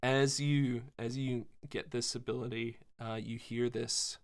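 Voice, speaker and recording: A man narrating as game master of a tabletop game, describing the action with many pauses and fillers. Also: medium pitch, little pitch movement, clear, resonant tone.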